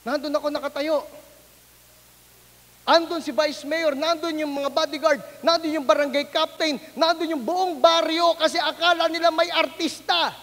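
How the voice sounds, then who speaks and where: A man's voice: extremely high pitch, steady tone, moderate pace, fairly bright tone, long reverb tail. A man preaching as a pastor, telling a story animatedly and acting out the people in it. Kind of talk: sermon storytelling.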